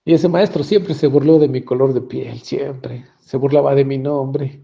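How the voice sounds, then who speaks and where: A man's voice: mid-range voice, fairly even intonation, a little slow, creaky, warm tone. A man giving a personal testimony about his childhood and often acting out the dialogue. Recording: dull lo-fi recording.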